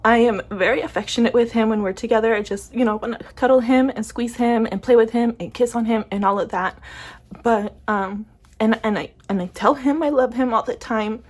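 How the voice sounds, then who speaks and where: A young woman chatting casually to camera about her planners, soft-spoken and a little emotional, often trailing off and restarting. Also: a little high, fairly quick. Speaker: planner vlogger.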